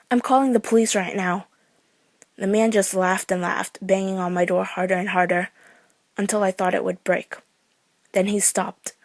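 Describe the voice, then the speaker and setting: A woman reading out a true scary story in a measured, suspenseful way. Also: medium pitch, no room sound. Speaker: horror story narrator.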